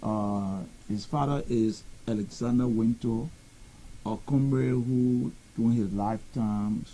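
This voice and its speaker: A man, a panel guest speaking for his party in a deliberate way. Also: mid-range voice, steady tone, mellow, slightly rough, rough recording. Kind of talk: answering on a political panel.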